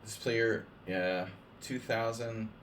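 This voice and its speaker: While playing chess against viewers on a live stream, a man makes rambling, casual conversation, often saying "like," restarting his sentences and cracking jokes. His medium-pitched voice is steady, slow and a bit bright, over slight background noise.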